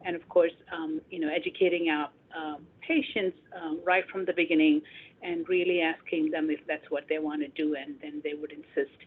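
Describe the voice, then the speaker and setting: A woman calling into an online meeting over the phone, talking hesitantly with many pauses and ums. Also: low-pitched, fairly even intonation, slight background noise. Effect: heard over a phone line. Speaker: hospital staff member sharing practice at an online meeting. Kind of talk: unscripted remarks on a group call. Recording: tinny, husky phone line.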